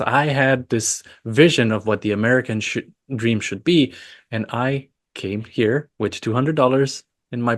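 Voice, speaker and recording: A medium-pitched man from Romania, with a slight Romanian accent, appears as a podcast guest. He answers interview questions in a measured, thoughtful and earnest way.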